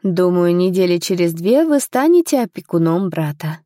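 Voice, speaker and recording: A woman's voice: lowish voice, sing-song, normal speed, mellow, no room sound, studio quality. Woman reading a formal nobleman investigator.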